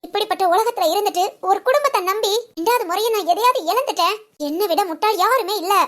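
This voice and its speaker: Woman voicing a young cartoon wife, tearful, pleading, anxious, very high voice. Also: lively intonation, fast talker. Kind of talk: cartoon voice acting.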